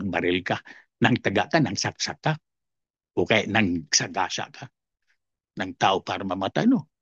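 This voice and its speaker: Guest pastor, male, lively sermon delivery with wide pitch swings, dull dry recording. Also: gravelly, slightly rough, dry recording. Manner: animated preaching, dropping low for scripture and rising high for stories.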